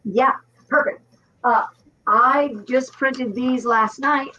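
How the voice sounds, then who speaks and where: A woman's voice: high-pitched, slow, pushed and bright, low-quality recording. A woman in her fifties chatting casually as a co-host, rambling with restarts and laughs. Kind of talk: casual chat on a live stream.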